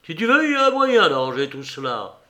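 A sneering blackmailer, his voice pitched up and loud as he jeers, pressing and relentless, as a man reading a novel aloud puts him on. The delivery is emphatic and mocking in a storybook reading. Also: very animated, brisk. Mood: scheming. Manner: raised, jeering, emphatic.

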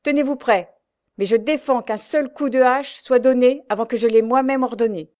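A woman reading aloud as a stern, brave male ship captain, declaiming his orders loudly. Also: a little high, moderate pace, pitched above the performer's own voice, natural voice. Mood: commanding.

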